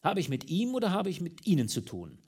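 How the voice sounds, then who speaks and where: A trembling, stammering minister pleads and stumbles over his words, pitched high and pushed loud, as an audiobook reader puts him on. The voice keeps a gravelly edge underneath. It is a man doing a voice for a classic novel reading. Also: expressive, normal speed. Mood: panicked pleading. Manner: stuttering, pleading. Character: stammering frightened minister caught in bed, man.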